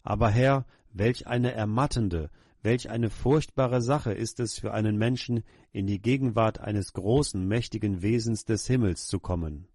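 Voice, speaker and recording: A man's voice: on the low side, a little slow, hardly any pauses, darkish tone, dry recording, studio quality. A middle-aged male pastor praying aloud to his congregation in an earnest, humble, pleading way. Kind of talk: sermon prayer.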